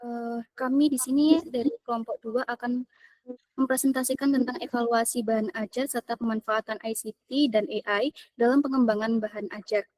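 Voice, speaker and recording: A woman's voice: on the high side, steady tone, moderate pace, darkish tone, dry recording, rough recording. Young woman opening a class presentation. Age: young adult. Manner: formal, reads a list of points. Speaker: student presenter.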